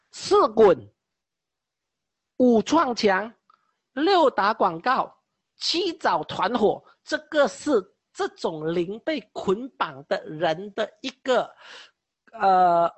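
A woman preacher telling a testimony in her sermon, animated, often laughing and mock-wailing as she tells it. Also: medium pitch, husky, no room sound.

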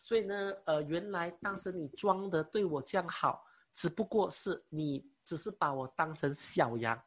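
A young man preaching and giving a personal testimony, halting with many fillers, speaking with emotion. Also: a little high, slightly rough. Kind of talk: sermon testimony.

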